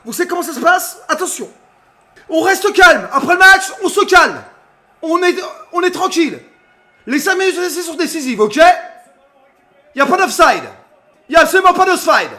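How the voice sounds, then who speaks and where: A man streaming live, reacting to a football match and yelling at the players like a coach. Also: very high voice, moderate pace, pauses often, echoey room. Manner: yells at players like a coach, excitable.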